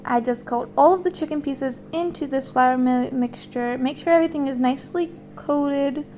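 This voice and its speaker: A woman with a fairly high voice that has a slight scratch from a sore throat. She narrates a home recipe in a casual, chatty way, explaining as she goes, with music playing behind her. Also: normal speed, a little mellow. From Portugal. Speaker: home cook hosting a recipe vlog. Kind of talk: casual cooking voice-over. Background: background music.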